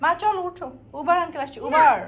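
High-voiced mother coaxing her kids. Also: fast talker, a crowd in the background. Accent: Bangladeshi Bengali. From Bangladesh. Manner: coaxing, sing-song talk to small children. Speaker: mother and vlogger. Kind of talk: casual family vlog. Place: home bedroom, indoors.

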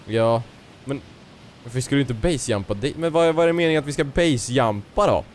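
A young man chatting casually and joking while playing a co-op game. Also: mid-range voice. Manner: joking, teasing, excitable. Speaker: gaming YouTuber. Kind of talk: casual co-op gameplay chat.

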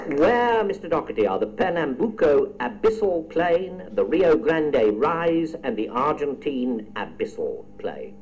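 A man's voice: a little high, big pitch swings, measured pace, hardly any pauses, darkish tone, slight background noise, low-quality recording. A man hosting a radio quiz, reading questions and teasing contestants in chatty asides. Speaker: quiz show host.

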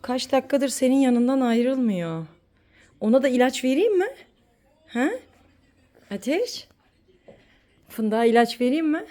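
A woman's voice: sits high, animated, measured pace, long pauses, dark tone. A mother talking playfully with her sick young son, coaxing and sing-song. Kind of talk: casual play with a child.

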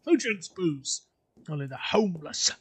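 Husky, high-pitched old miser. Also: male voice, sing-song, a little slow, fairly bright tone, exaggerated voice. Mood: wheedling nostalgia. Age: older. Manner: stammering, repetitive, pleading. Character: avaricious old miser, panicky and wheedling. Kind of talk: theatrical audio drama acting.

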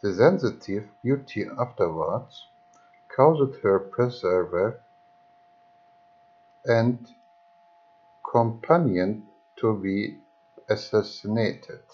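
A man reading an old history book aloud, haltingly, often restarting words. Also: fairly low pitch, expressive, muffled recording. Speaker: reader. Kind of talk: slow audiobook reading of history.

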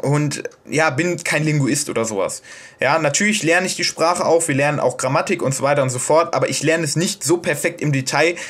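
A man's voice: on the high side, fairly quick, a bit bright. A man from Germany explaining pronunciation in a casual, hesitant tutorial, with many fillers and restarts. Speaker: video host explaining Japanese pronunciation. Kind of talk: casual self-made tutorial.

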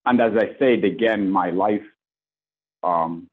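Speaking slowly in a deep, husky voice, a priest from Uganda addresses a conference panel by video call, setting out his points earnestly in list form with filler words. He's in a plain room, and his webcam makes the sound narrow and tinny.

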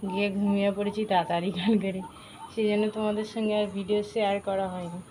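A woman with a mid-pitched voice roughened by a cold talks quietly into her phone at home. Her manner is chatty and homely as she calls her viewers friends, with faint ambient noise around her. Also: little pitch movement, quick pace. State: hoarse from a cold, speaking softly. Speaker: home vlogger. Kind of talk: casual home vlog chat. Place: at home indoors.

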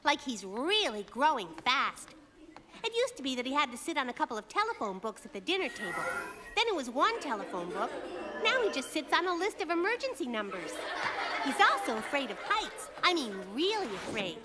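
A woman voicing a spirited, quick-witted little girl in a cartoon. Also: high voice, sing-song, crowd noise. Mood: wry, joking. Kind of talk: cartoon voice acting.

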